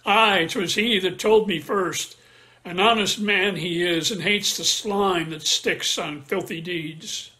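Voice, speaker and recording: A man's voice: sits high, fairly even intonation, bright, forceful tone, heavily acted. A man reading a brooding jealous general. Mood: accusing. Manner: slow, weighty verse delivery. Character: jealous tormented male general, middle-aged. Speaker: reader in an online play reading. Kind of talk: dramatic Shakespeare reading. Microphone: video call.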